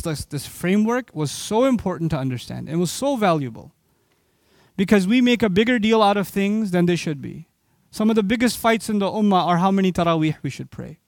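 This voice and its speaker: A Pakistani-born Islamic preacher with a high voice delivers an impassioned sermon lecture to an audience, repeatedly challenging listeners with rhetorical questions. The recording is dry and close, with no room echo.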